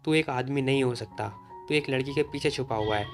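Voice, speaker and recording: A short-fused young man, as a recap narrator reads him. The reading stays close to the man's own mid-range voice, blunt and a little slower. Music hums faintly underneath. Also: medium pitch, lightly acted. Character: hot-tempered young man, protective friend.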